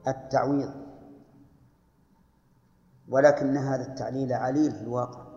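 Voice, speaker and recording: A man's voice: medium pitch, steady tone, normal speed, dark tone. An older man teaching a grammar lesson, reciting lines of verse and putting questions to his students before he answers them. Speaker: scholar teaching Arabic grammar. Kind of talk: classroom lesson explaining verse. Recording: echoey hall, dull lo-fi archive tape.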